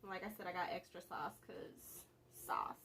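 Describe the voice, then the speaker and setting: A woman's voice: fairly low pitch, moderate pace, gravelly, a bit bright, slight background noise. A young woman vlogger chatting casually and rambling a little, with laughs between thoughts. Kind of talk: casual vlog chat.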